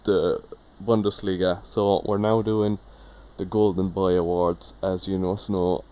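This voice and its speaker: Young male co-host, very low voice, teasing and brisk, faint noise behind. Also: flat delivery, warm tone, rough recording. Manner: teasing, runs the segments. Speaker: podcast co-host. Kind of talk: casual chat.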